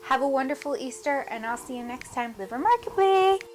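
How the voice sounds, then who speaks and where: A woman's voice: sits high, fairly even intonation, a little fast, faint music behind. Chatty upbeat woman hosting a cooking show. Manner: chatty, upbeat, asks viewers directly. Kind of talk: casual cooking demonstration.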